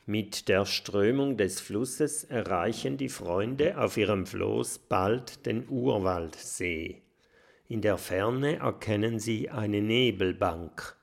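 A man narrating a children's audiobook in a calm storytelling manner. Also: lowish voice, slow pace, vocal fry.

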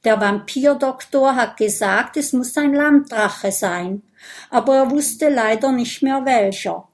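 Storybook vampire boy, young and jittery, read by a woman, voice lifted high. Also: a little slow, natural voice. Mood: downcast. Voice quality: raised, boyish voice. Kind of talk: audiobook character voice.

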